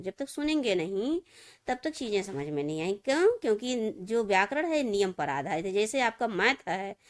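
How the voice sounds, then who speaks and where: A woman Hindi grammar teacher giving a video lesson, reading misspelled words and then their right forms, and often addressing her students as children. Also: medium pitch. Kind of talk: classroom-style video lesson.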